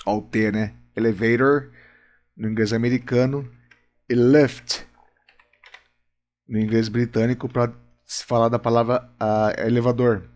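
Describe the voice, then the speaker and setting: A man's voice: mid-range voice, level tone, unhurried, long pauses, a little mellow. A Brazilian man teaching English in a video lesson at a whiteboard, explaining step by step and often checking in with viewers. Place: room with a whiteboard.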